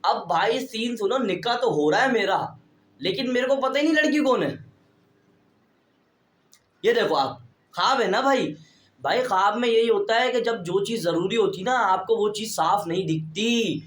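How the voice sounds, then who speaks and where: Young man, vlogger, casual storytelling, fairly high voice, echoey room. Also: animated, moderate pace, fairly bright tone. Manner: chatty, keeps addressing viewers as brother; stands talking straight to camera. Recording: roomy echo.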